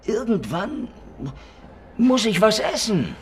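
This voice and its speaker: The lead actor and first-person narrator of a German hardboiled radio crime drama plays a cynical Soviet secret police detective, sardonic and defiant. His male voice swings hugely in pitch, moves slowly, and is heavily acted. The mood is indignant and wary, the delivery dry and wisecracking.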